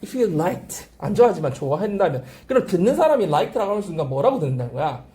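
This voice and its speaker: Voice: medium pitch, very animated, fast, warm tone. An English teacher giving a classroom grammar lecture, drilling pronunciation by repeating phrases and constantly asking the class check-questions. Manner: asks frequent rhetorical check-questions. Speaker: English teacher at a language academy.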